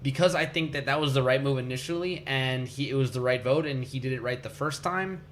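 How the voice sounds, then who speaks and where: A man co-hosting a casual podcast recap, opinionated and animated in his retelling. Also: medium pitch, brisk, a little hiss or hum. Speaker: podcast co-host.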